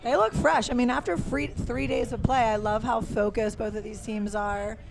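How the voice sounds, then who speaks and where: A woman's voice: on the high side, fairly even intonation, normal speed, vocal fry, over music. A woman co-commentating on a lacrosse match, bubbly and playful in a casual live style. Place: outdoors at a sports field.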